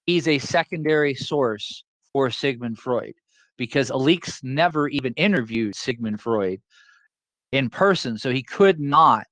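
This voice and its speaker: A man's voice: mid-range voice, fairly bright tone, dry recording, poor audio. A man teaching a class over a video call, explaining in a casual, joking way and repeating his points to keep them simple. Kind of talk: casual online class lecture.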